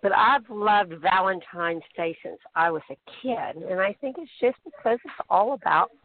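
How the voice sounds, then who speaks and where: A woman's voice: medium pitch, animated, normal speed. Woman, mid-range voice, casual anecdotal talk-show guest, effusive, phone-quality audio. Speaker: guest, author on love and relationships. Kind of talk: casual chat, anecdotal storytelling. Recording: tinny phone line.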